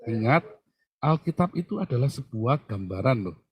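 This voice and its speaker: A man's voice: medium pitch, big pitch swings, normal speed, slightly rough. A male pastor answering a Bible question, teaching through emphatic questions he puts to his listener.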